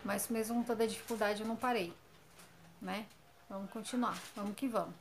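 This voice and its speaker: A woman's voice: medium pitch, fairly even intonation, fairly quick, gravelly, background noise. A woman with a Brazilian Portuguese accent, chatting casually to viewers in a home vlog filmed on a handheld phone. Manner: chatty, addresses viewers directly. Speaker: vlogger.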